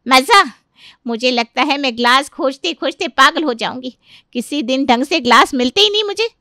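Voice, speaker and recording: Cartoon mom-in-law, fussy and nagging, high sharp voice played by a woman. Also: animated, a little slow, no echo, studio quality. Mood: exasperated. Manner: complaining, exasperated scolding. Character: fussy exasperated middle-aged mother-in-law. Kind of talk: cartoon voice acting.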